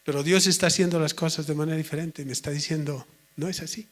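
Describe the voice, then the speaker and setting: A man preaching a sermon in an earnest way, slowing right down to stress his points. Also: fairly high pitch, fairly even intonation. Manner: earnest, slows down sharply for emphasis.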